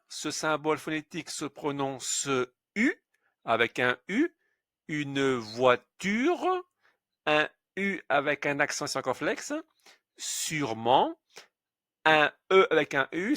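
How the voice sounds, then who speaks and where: Slow, deliberate man teaching pronunciation. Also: on the high side, expressive, sharp tone, dry recording, clean studio sound. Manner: spells letters and says example words slowly and clearly.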